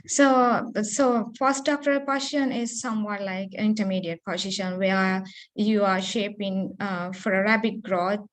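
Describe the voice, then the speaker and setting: A woman's voice: medium pitch, little pitch movement, measured pace. A woman in her thirties from Sri Lanka, a postdoctoral researcher answering seminar questions on a video call, hesitant with many fillers and restarts. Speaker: guest speaker, postdoctoral researcher.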